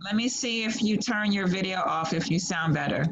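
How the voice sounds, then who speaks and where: A woman's voice: medium pitch, moderate pace, a loud crowd. A woman teaching an online class on a video call, patiently encouraging students and sorting out audio trouble. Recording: slightly muffled call audio, faint noise.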